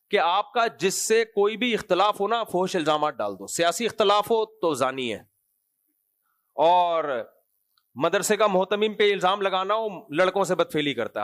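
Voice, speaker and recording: A man who is a mufti giving Quran commentary, speaking in an animated, conversational sermon style with sarcastic asides. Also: high-pitched, dry recording, clean studio sound.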